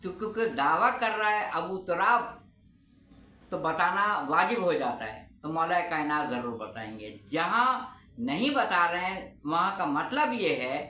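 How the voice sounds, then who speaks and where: A man giving a religious lecture in a measured, explanatory way, pausing on key terms. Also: high voice, animated, pushed and bright. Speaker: religious speaker. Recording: echoey room with faint ambience.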